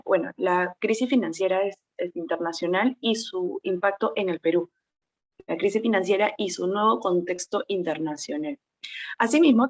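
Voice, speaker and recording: A woman's voice: medium pitch, vocal fry. A 29-year-old woman presenting a class project, often adding "¿no?" and "este" as she explains. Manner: explains with tag questions "¿no?" and "este" fillers. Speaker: student presenter. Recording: dull, dry lo-fi audio.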